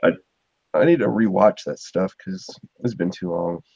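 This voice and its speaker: Low-pitched and darkish, with vocal fry and a breathy edge, this Ohio man hosts a podcast at a moderate pace. He chats casually, rambling, chuckling and using lots of filler words. There's no room sound, though the audio is muffled and dull.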